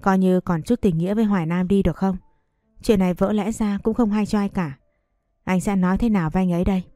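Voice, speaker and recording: Wronged young woman, read by a woman, bitter, pleading, dark tone, dry. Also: medium pitch, steady tone, quick pace, no echo, soft background music, close to an everyday voice.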